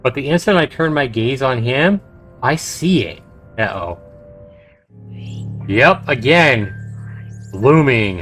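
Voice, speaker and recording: With a mid-range male voice, a game streamer comments on his livestream and dramatically, expressively reads the text of a visual novel aloud.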